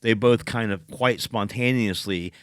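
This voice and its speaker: A man co-hosting a casual podcast, telling stories in an animated way and laughing often. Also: fairly low pitch, measured pace, no echo, clean studio sound. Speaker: podcast co-host. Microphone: studio podcast mic.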